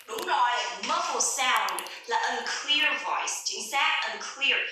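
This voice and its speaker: A young woman teaching an online English lesson, explaining words and slowly modeling pronunciation. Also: sits high, animated, sharp tone, distant mic, slight background noise. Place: room at home, neighbors noisy. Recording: echoey room, voice off-mic.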